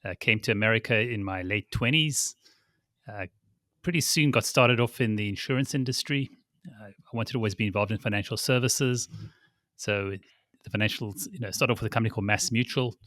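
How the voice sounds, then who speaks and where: A man speaks as a podcast guest with a bright, forceful tone. His voice sits a little low, and he talks steadily and plainly about his work. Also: a little fast, dry recording, studio quality. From South Africa. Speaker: guest, financial advisor. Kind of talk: casual interview.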